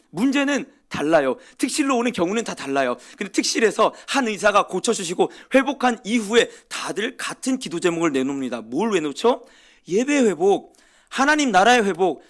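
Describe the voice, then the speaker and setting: A man preaching a sermon in church, swinging from loud emphatic cries to quiet asides. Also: high-pitched. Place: church sanctuary.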